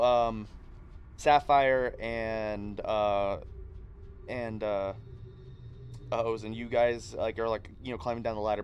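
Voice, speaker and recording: A man with a Midwestern accent runs a tabletop game, his voice a little low. He halts, fills gaps with ums and circles back on himself as he describes the scene. A faint hiss sits under the recording. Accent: Midwestern American. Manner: halting, many fillers and restarts. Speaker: game master. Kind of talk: narrating a tabletop game stream.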